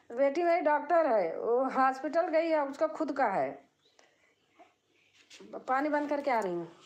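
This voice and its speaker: An older woman with a high voice chats away on her home live stream. She talks easily with her viewers and now and then sings a line of a folk song. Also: a little hiss or hum. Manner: chatty, warm-hearted, breaks into folk singing. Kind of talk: casual live chat with viewers.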